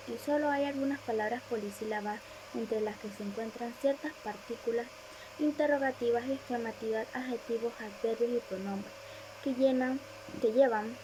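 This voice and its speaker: A woman's voice: a little high, noisy background. A woman student reading a class presentation aloud, stressing each example word she gives.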